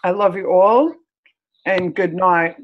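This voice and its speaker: A host with a croaky, froggy voice addressing supporters on a livestream in an earnest, halting way. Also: medium pitch, muffled recording.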